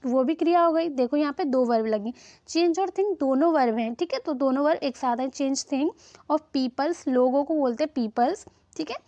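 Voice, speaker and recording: A woman teaching English grammar to Hindi speakers, checking in with "okay?" after each point and reading example sentences slowly. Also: high voice, dark tone, no room sound. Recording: slightly dull, lo-fi sound.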